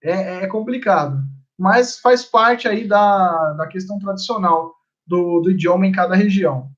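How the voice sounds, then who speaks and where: Brief: Brazilian-accented male live-stream host, high voice, loose and chatty, muffled lo-fi audio. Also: moderate pace. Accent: Brazilian Portuguese. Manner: rambling, informal, swears casually. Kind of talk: casual live-stream talk.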